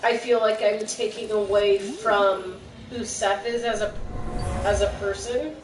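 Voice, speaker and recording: A woman's voice: mid-range voice, fairly even intonation, a little slow, slight background noise. A woman co-hosting a game stream, chatting casually in a rambling, self-conscious way. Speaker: stream co-host. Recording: distant mic in a roomy space with game music. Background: game music.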